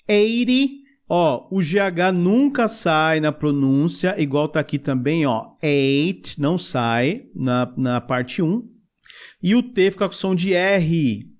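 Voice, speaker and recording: Brazilian guy teaching a video lesson, high voice, talks slow, goes step by step. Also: expressive. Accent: Brazilian Portuguese. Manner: explains step by step, asks for repetition. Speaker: English teacher.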